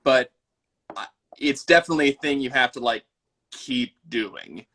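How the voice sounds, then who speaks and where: A man's voice: mid-range voice, moderate pace, bright, forceful tone. A man co-hosting a podcast in casual chat, playful and laughing often, swearing casually. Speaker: podcast co-host.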